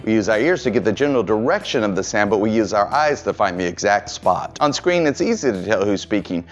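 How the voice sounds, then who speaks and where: Low-voiced man presenting a tutorial. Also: expressive, a little fast, faint music behind. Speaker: host of tutorial videos for performers. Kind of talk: scripted instructional narration.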